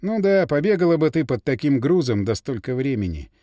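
A man voicing a weary, grim male soldier officer who talks gloomily and calmly in an audiobook. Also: medium pitch, a little fast, no room sound, studio quality, lightly acted. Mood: gloomy. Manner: gloomy, calm.

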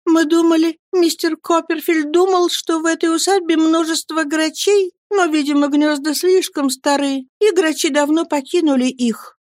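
A woman's voice: very high-pitched, fairly even intonation, normal speed, few pauses, a little mellow, no room sound, clean studio sound, pitched above the performer's own voice. A woman voicing a timid, frail young mother in an audiobook, faint and tremulous. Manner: trembling, faint and plaintive. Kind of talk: audiobook character voice.

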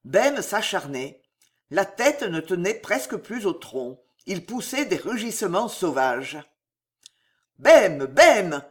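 An audiobook reader narrating a dramatic historical novel in a slow, expressive storytelling manner. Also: medium pitch.

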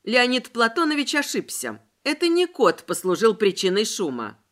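A woman reading a storybook aloud, voicing a calm young woman who speaks coldly and evenly. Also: on the high side, moderate pace. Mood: cool calm. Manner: cold, unruffled.

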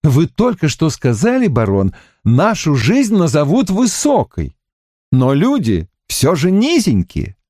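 A man's voice: on the high side, huge pitch swings, unhurried, a little mellow, dry recording, studio quality, heavily acted. Guy reading old doc poking fun at himself, voice bouncing up, audiobook. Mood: wry. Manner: wry, self-mocking. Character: old male army doctor, wry and self-mocking.

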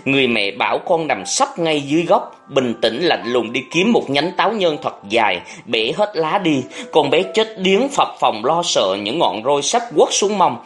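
A man narrating a novel aloud with expressive storytelling. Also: fairly high pitch, moderate pace, few pauses, soft background music. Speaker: audiobook narrator.

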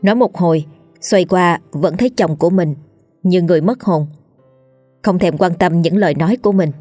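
Brief: woman storyteller, low and dry, for a spooky audio tale. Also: normal speed, mellow, no echo, soft background music. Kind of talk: horror story narration.

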